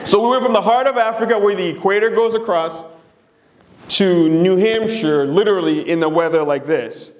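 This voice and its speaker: A man's voice: sits high, normal speed. Man presenting in an echoey room. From Democratic Republic of Congo. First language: Swahili, Lingala and French. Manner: earnest, engaging, often checking in with "right?". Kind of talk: presentation to an audience.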